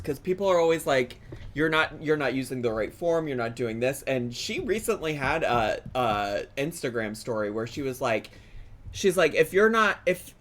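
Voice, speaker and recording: A male host giving sassy reaction commentary, swearing and bursting into yelling. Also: mid-range voice.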